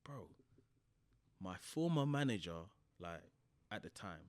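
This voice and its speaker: A man's voice: fairly low pitch, sing-song, unhurried, darkish tone, dry recording. A man with a South London accent telling stories in slangy casual chat, repeating phrases for emphasis. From Croydon, South London. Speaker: podcast host. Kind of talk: casual chat, animated anecdotes.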